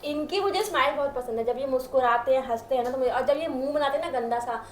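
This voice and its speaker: Chatty woman guest, high voice, echoey room, bit of noise behind. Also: fast. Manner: talkative, animated storytelling. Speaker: interview guest, wife. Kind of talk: casual interview chat.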